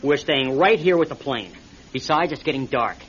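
Heard on a dull, noisy old radio recording, an American actor voices a pilot stranded after a crash: hurt, practical, and defensive, with a weary but reassuring mood. His mid-range voice is animated and fairly bright, close to everyday speech, at a normal speed.

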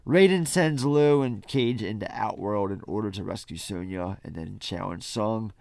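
A man's voice: lowish voice, moderate pace, vocal fry, a little mellow, no echo. A man hosting a casual movie recap from his notes, blunt, sarcastic and freely swearing. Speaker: podcast host who leads the recap.

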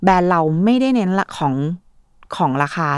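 A woman's voice: fairly low pitch, animated, moderate pace, smooth, dry recording, clean studio sound. A woman in her thirties, a small brand owner, chatting casually in an interview and mimicking others when she quotes them.

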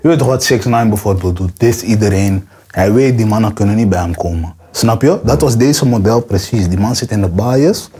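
A man's voice: lowish voice, moderate pace, slightly rough. A young man rapper, interview guest, talking in casual street slang and acting out quotes with a raised voice. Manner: animated, acts out quotes with raised voice.

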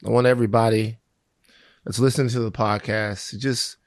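A man's voice: fairly low pitch, flat delivery, brisk, no echo, studio quality. A male podcast host who talks in a joking, self-mocking way. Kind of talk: podcast conversation.

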